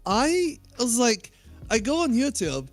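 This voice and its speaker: A man with a high voice chats loosely on a livestream, joking and poking fun at himself as he talks. He speaks as a guest in easy conversation. Faint music runs underneath. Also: sing-song, takes it slowly, no room sound. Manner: chatty and joking, self-deprecating. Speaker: game coaching streamer, guest. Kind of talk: casual chat on a livestream.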